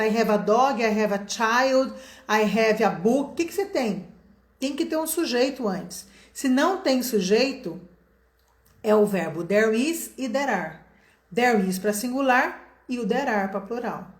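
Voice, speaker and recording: Middle-aged Brazilian woman, English teacher, patient and explanatory, slightly high voice, roomy echo. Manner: explains patiently, stretching out example sentences slowly. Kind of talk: online English lesson.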